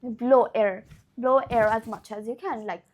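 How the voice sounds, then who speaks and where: A young woman giving an informal pronunciation lesson, repeating example words slowly and often checking that the listener follows. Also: on the high side, fairly even intonation, a little mellow. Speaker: English pronunciation teacher.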